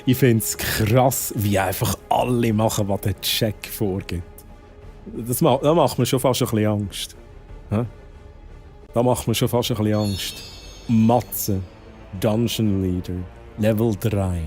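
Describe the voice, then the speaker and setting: A man's voice: fairly low pitch, fairly even intonation, slow, darkish tone, faint music behind. A young man from Switzerland with a Swiss German accent, chatting casually to his chat while gaming, often dropping English exclamations. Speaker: streamer.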